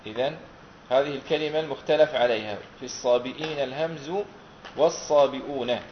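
A man's voice: mid-range voice, fast talker, slight background noise. A man teaching a class on Quran recitation, asking his students questions and repeating their answers back patiently. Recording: roomy, dull lo-fi classroom recording.

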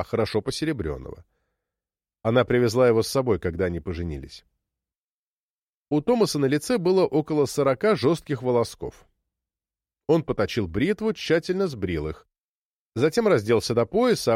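A man narrates a story with an expressive, lively pitch that rises and falls through the sentences. His voice sits in a middle register, recorded close and dry with no room sound. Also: no echo. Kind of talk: scripted narration.

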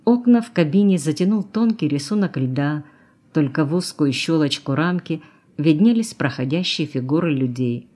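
A woman's voice: low voice, animated, moderate pace, warm tone. Woman narrating an audiobook.

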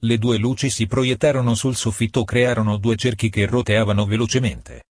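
A man reading a novel aloud as an audiobook in a steady, matter-of-fact way. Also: mid-range voice, normal speed, no room sound, clean studio sound. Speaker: audiobook narrator. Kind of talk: scripted audiobook narration.

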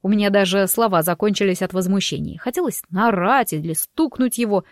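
A woman narrating an audiobook in the first person, lively and expressive. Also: mid-range voice, a little fast, no echo, clean studio sound.

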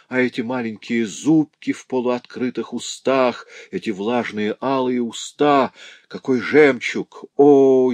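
A man's voice: medium pitch, no echo, natural voice. A man reading an audiobook, voicing a delirious male notary who raves with feverish passion in frantic exclamations. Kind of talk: audiobook character voice.

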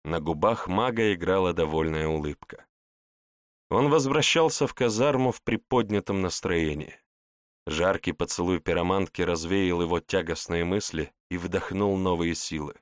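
A man's voice: low voice, normal speed, dry recording. A man narrating a scripted fantasy story as an audiobook reader.

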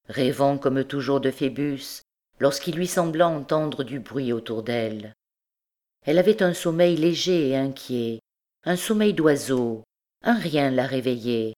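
A woman narrates a classic novel in a notably deep voice. She reads slowly and deliberately, with a calm, measured storytelling manner. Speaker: audiobook narrator. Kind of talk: scripted narration.

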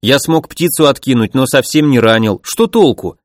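A man voicing a brash, excitable young fighter. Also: medium pitch, normal speed, no echo, studio quality, close to an everyday voice. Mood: doubtful.

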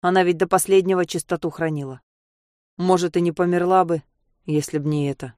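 A woman voicing a spiteful old male watchman who shouts accusations. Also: fairly low pitch, fairly even intonation, fairly quick, dry recording, clean studio sound, lightly acted. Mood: mournful.

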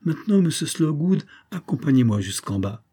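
A man voicing a smooth, scheming middle-aged army major with a coaxing, honeyed manner. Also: on the high side, very animated, normal speed, mellow, voice pushed up. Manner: coaxing, honeyed, then contemptuous.

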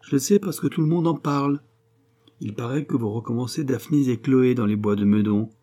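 A man's voice: mid-range voice, fairly quick, dark tone, pitched above the performer's own voice, lightly acted. A man reading aloud, voicing a sarcastic, worldly middle-aged writer who lectures in a mocking tone.

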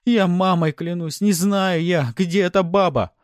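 Panicked young thug, stammering, high shrill wails, dry close sound. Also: male voice, measured pace, dry recording. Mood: panicked pleading. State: screaming in pain. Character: terrified young male bandit, wounded and pleading.

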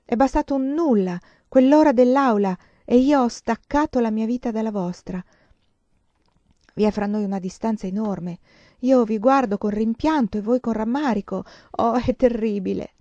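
A woman's voice: fairly high pitch, normal speed, mellow, dry recording, dull audio, lightly acted. A woman voicing an intense, earnest young female student with impassioned, emphatic speech in a storybook reading.

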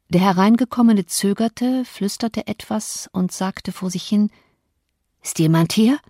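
A woman reading a classic novel as an audiobook narrator, measured and dramatic, on a close studio mic. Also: mid-range voice, creaky, darkish tone, no echo.

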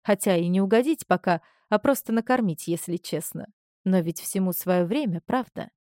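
A woman narrating a story in a measured, expressive way. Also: mid-range voice, no room sound, clean studio sound.

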